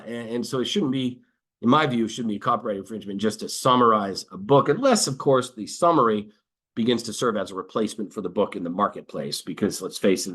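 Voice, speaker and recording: Male lawyer presenting a webinar, mid-pitched, chatty and explanatory, stumbles and restarts often, dry sarcastic asides. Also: fairly bright tone. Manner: conversational and explanatory, with frequent fillers and restarts.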